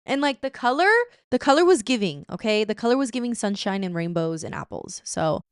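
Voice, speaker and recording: A woman in her twenties hosts her podcast, chatting playfully and casually with slang asides. Her mid-range voice is animated and fairly quick, and there's background noise in the recording.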